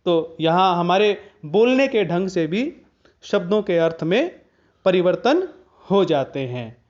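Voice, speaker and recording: A man lectures on Hindi grammar in a high voice, taking each point slowly and carefully. He stops now and then to chant a Sanskrit phrase in an old recitation style. The sound is somewhat dull and lo-fi. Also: very animated, darkish tone. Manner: slow, deliberate explanation with chanted Sanskrit examples. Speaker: Hindi teacher.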